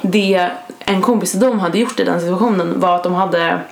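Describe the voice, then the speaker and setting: A woman's voice: lowish voice, vocal fry. A young woman in casual podcast chat, emphatic and earnest, swearing for emphasis. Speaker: podcast host. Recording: echoey room with faint noise.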